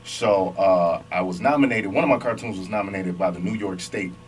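Laid-back low-voiced man, distant. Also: brisk. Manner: easygoing, affirming with repeated yeahs. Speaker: comedian and animator guest. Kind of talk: casual radio interview. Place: radio studio. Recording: distant camera sound with faint noise.

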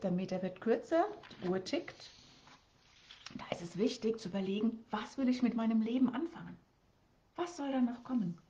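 A woman's voice: fairly high pitch, a little mellow, highs cut off. A woman speaking as a life coach on a live stream, asking viewers lots of questions and often repeating words and restarting her sentences.

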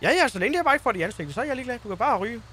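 A man's voice: very high voice, animated, sharp tone, slight background noise. A man role-playing a bus driver in a game, chatty and boisterous, with mild swearing. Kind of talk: casual in-character role-play chat.

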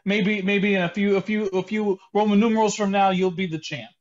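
A man's voice: high-pitched, steady tone, brisk, a little mellow, lo-fi sound, close to an everyday voice. A man playing a towering proud champion boxer. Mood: gracious. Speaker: improv performer. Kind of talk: improv comedy scene.

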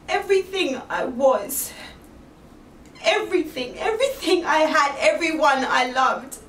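A bitter, wounded young woman, played by an actress, hurls sarcastic accusations in a stage monologue. Her voice sits high and swings widely. It is caught from a distance in an echoey room. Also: a little hiss or hum. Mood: anguished. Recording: roomy, distant mic, faint ambience.

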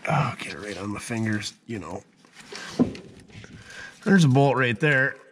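A man's voice: mid-range voice, expressive, measured pace, fairly bright tone, a little hiss or hum. A man narrating his own car repair in a garage, joking and muttering to himself as he works. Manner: joking, self-mocking, muttering to himself while working. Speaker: mechanic, channel host. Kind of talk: casual first-person workshop narration.

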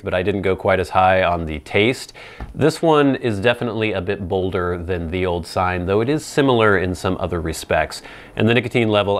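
A man in his thirties or forties giving an informal product review to camera, explaining in a measured, casual way with playful asides. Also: low-pitched. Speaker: pipe tobacco reviewer. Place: small indoor set with plain backdrop. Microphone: lapel mic.

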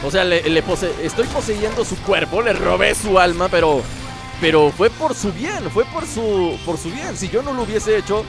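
Young guy joking thru a game, highish voice, game music under it. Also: lively intonation, moderate pace. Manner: playful, mock-dramatic, slangy asides. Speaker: gameplay commentator. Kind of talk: joking let's-play commentary.

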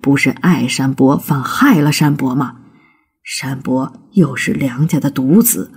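A woman's voice: a bass voice, a little slow, a little mellow, breathy edge, voice pushed down, full character voice. A woman voicing a stern, angry old rich father who scolds harshly, in a storybook reading.

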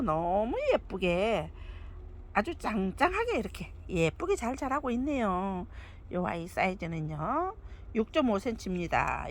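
A woman presenting succulents for sale, counting off lot numbers, sizes and prices in a chatty, doting way. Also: medium pitch. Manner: chatty, doting, calls plants "아이". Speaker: succulent seller. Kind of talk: live sales presentation.

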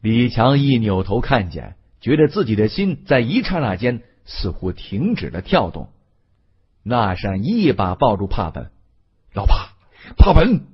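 A man narrates an audiobook with a low, husky voice. His pitch swings widely as he reads dramatically, and the recording sounds dull and lo-fi. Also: sing-song, measured pace. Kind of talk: scripted narration.

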